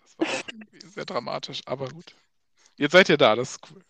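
Gravelly young man hosting a podcast. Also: fairly high pitch, a little fast, no echo. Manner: relaxed, filler-heavy questions. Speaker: podcast host. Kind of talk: casual podcast chat.

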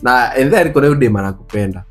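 Brief: young Kenyan male podcast host, casual questioning style, code-switching, medium pitch, music bed. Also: lively intonation, fast talker. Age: young adult. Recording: background guitar music behind talk.

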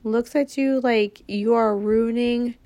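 Her voice sits on the high side, mellow and steady, and she takes her time; there's no echo. She's a podcast host fighting a head cold, nasal and sniffly, talking through a casual, frank monologue that's blunt and full of swearing.

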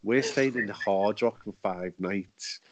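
Chatty low-voiced podcast host. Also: male voice, measured pace, no room sound. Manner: chatty, joking, laughs often. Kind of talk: casual chat.

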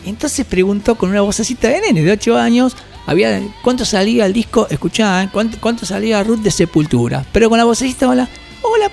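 A man in his fifties with an Argentine accent, a record shop owner telling animated, slangy anecdotes in an interview. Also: high-pitched, vocal fry. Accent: Rioplatense Spanish. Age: 50s. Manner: animated anecdotes, slangy, acts out quoted voices. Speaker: guest, record shop owner and metal musician. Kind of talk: casual storytelling interview.

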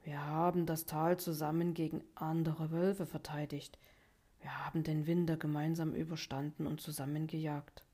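A woman's voice: flat delivery, moderate pace, mellow, breathy edge. Woman playing a proud wounded young wolf. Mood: grave. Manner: brooding, terse, low-spoken.

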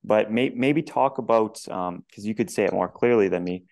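Male co-host, deep fry-heavy voice, slightly hoarse, deliberate question-asker. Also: darkish tone. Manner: measured, many "um" fillers, builds a long question. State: voice going hoarse. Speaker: podcast co-host. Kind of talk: conversational interview.

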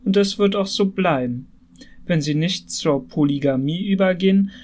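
A man's voice: high voice, normal speed, darkish tone. A man doing a small, fawning, nervous husband. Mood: confidential. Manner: confidential, ingratiating.

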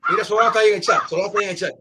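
A man hosting a casual live-stream chat, excitable and exclaiming, often repeating his phrases. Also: sits high, rapid-fire, noisy background. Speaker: podcast host.

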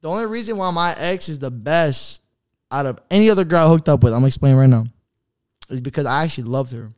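High-voiced young frat-bro guy. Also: fast talker, darkish tone, clear, resonant tone. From Brazil. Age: young adult. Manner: frat-bro talk, slangy and boastful. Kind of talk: casual podcast banter.

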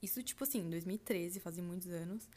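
A woman's voice: fairly low pitch, quick pace, warm tone. A woman of about twenty, from Brazil, chatting casually on her podcast and telling listeners about her trip, full of fillers. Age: turning 20. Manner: chatty, lots of fillers like "tipo assim", addresses listeners as "gente". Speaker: podcast host.

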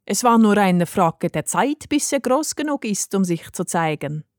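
A woman doing a gentle old grandfather. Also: mid-range voice, a little slow, no room sound, clean studio sound. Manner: calm, soothing, relishing.

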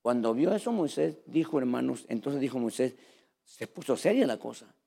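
Gravelly-voiced man preaching a sermon. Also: mid-range voice, normal speed. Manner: addresses listeners as "hermano", lively preaching.

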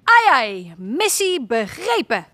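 A woman voicing a bold, chatty young girl in a children's audio story, talking lively and decisively. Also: sits high, slow, dry recording, exaggerated voice.

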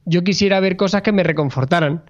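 A man's voice: sits high, fast, dull audio. A man from co-hosting a podcast, in casual, emphatic chat with jokingly over-acted enthusiasm. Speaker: podcast co-host.

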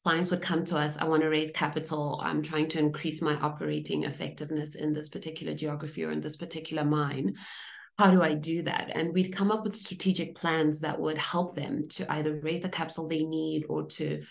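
On a podcast, a Zimbabwean executive coach explains her career articulately, laying out her points as lists. Her voice is deep and level with vocal fry, and she talks fairly quickly.

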